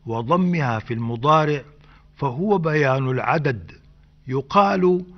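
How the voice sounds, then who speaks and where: Male radio host for a language lesson, precise and unhurried, recorded as a muffled vintage broadcast. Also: a little high. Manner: measured, precise, scholarly explanation. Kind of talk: slow scripted language lesson. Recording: dull old radio broadcast.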